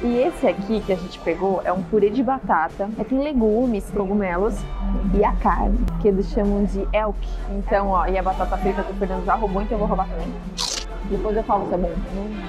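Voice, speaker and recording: A woman's voice: medium pitch, steady tone, fairly quick, music in the background. A young adult Brazilian woman hosting a travel vlog, chatting casually and explaining things as she goes. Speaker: travel vlogger.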